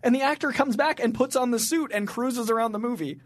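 A man's voice: very high voice, a little fast, dry recording. A man co-hosting a comics podcast, chatting casually with playful jokes and self-deprecating asides. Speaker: podcast co-host. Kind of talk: casual chat.

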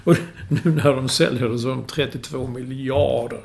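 A man's voice: medium pitch, steady tone, vocal fry, crowd noise. A man in casual sports chat, explaining business details with enthusiasm and the odd swear. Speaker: podcast co-host.

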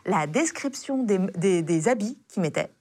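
A young adult woman, a former intelligence officer, casually retelling a dangerous encounter in a lively, slangy way with many fillers. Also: medium pitch, measured pace. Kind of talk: casual spoken storytelling.

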